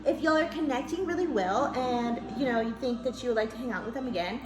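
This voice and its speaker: A woman's voice: fast, noisy background. A woman vlogging about parenting, telling a story to the camera in a casual, chatty way and acting out what people said. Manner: lively, acts out quoted dialogue in a higher voice. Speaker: mom vlogger giving parenting tips. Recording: echoey room.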